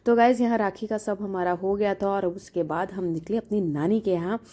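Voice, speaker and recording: A woman's voice: mid-range voice, normal speed, mellow. A young woman from India narrating her family vlog in a chatty, teasing way and laughing often. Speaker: vlogger.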